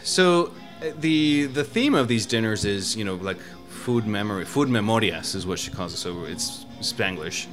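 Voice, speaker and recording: A man's voice: on the low side, expressive, moderate pace, few pauses, fairly bright tone, faint music behind. A man who was born in Mexico, talking in a rambling, casual way as a guest about food and cooking. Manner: rambling, many restarts and fillers. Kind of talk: casual conversation.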